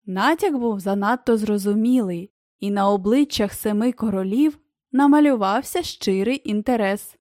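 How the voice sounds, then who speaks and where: A woman reading a children's story aloud as an audiobook narrator, in expressive, even-paced storytelling. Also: medium pitch, normal speed, no echo, studio quality. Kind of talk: scripted narration.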